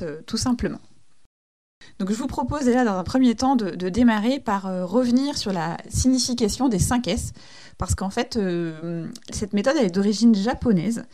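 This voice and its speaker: A woman's voice: medium pitch, darkish tone. Woman podcast host, friendly explainer, natural chatty delivery with fillers.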